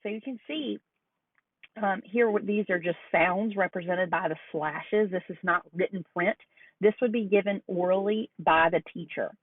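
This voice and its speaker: A woman giving a recorded lecture on early reading skills, slowing down to model sounds and words carefully. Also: medium pitch, no echo. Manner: slow, deliberate modeling of sounds. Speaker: teacher educator. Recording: dry, phone-like lo-fi audio.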